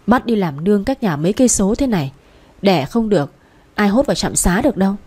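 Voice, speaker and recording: Old village woman, blunt and scolding, read by a female narrator; mellow tone. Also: medium pitch, expressive, fairly quick, husky. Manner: coarse, nagging.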